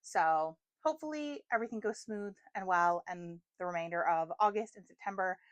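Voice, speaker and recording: A woman's voice: lowish voice, normal speed, dry recording. A young woman vlogging about books in a chatty, rambling way, full of fillers, recorded on a phone. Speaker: book vlogger. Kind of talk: casual chat.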